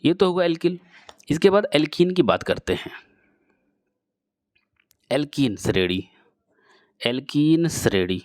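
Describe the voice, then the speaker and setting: A man teaching a chemistry lesson to students, explaining slowly and repeating key phrases as he addresses the class directly. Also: a little high, big pitch swings, darkish tone, no echo, clean studio sound. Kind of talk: classroom lecture.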